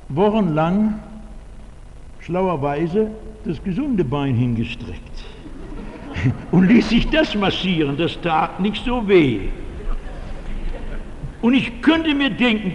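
A man's voice: high voice, long reverb tail, slight background noise, low-quality recording. An older man preaching a sermon in a church, emphatic and repeating his key phrases.

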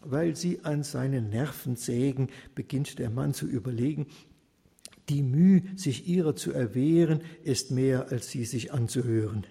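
A man telling a story in rhyming verse with a lively, rhythmic delivery. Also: mid-range voice, measured pace, gravelly, big-room sound.

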